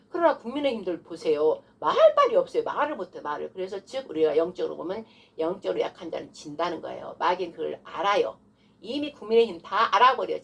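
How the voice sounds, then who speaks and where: A woman pastor delivers a sermon at a quick clip, her voice husky. She breaks into loud, commanding rebukes aimed at evil spirits, then drops back into plain preaching. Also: on the low side. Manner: forceful, shouting rebukes at devils in prayer examples.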